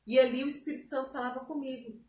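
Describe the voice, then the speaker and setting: In an echoey room, a Brazilian woman with a Bahian accent tells her conversion story as an interview guest, acting out things she used to say. Her high-pitched voice moves at a quick pace with a steady tone, and the feel is a casual chat and personal testimony.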